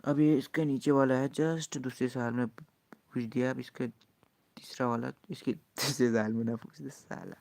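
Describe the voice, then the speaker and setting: A man teaching an exam-prep lesson, with a gravelly, fry-laden voice. He reads poem lines in a slow drawl, spells words letter by letter and has students repeat after him. Between points he drops to a low mutter. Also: fairly even intonation, darkish tone.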